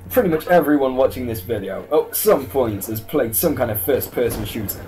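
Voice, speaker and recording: A man's voice: mid-range voice, animated, mellow, faint music behind. A young man co-hosting a gameplay video, joking and teasing his friend in a casual chat. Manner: joking, teasing, quick asides. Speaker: co-host commentating gameplay. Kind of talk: casual banter over gameplay footage.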